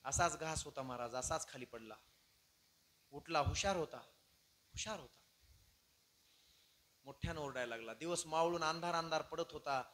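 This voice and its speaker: Male kirtan preacher, a high, piercing voice, and dramatic storytelling that acts out every character. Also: normal speed, long pauses. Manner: dramatic, voices the characters with loud shouted cries. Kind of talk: devotional storytelling sermon.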